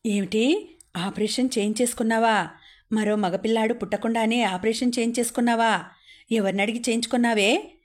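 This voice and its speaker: Woman voicing a shrill, domineering old mother-in-law. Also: fairly even intonation, normal speed, lightly acted. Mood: demanding. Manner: scolding, shouting. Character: sharp-tongued older mother-in-law, domineering.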